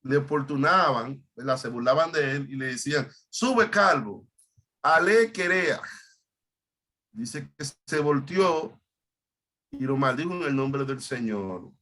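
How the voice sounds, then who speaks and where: Man, pastor, bright forceful voice, halting teaching style, repeats words. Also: medium pitch. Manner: halting, repeats words, explains Hebrew terms. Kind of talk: online Bible study teaching.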